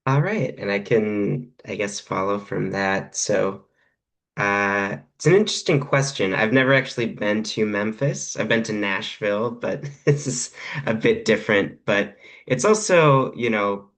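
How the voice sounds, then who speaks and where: A man's voice: fairly low pitch, measured pace, a bit bright. A man, a guest translator, explaining his work thoughtfully with some hesitations. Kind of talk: conversational craft discussion.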